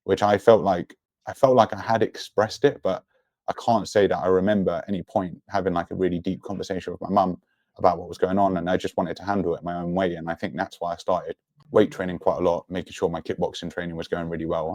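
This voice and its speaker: A man's voice: deep voice, level tone, fast, darkish tone, no room sound, studio quality. A young man speaking as an interview guest in an earnest, introspective way about his own life. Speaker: podcast guest. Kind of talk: personal, reflective interview talk.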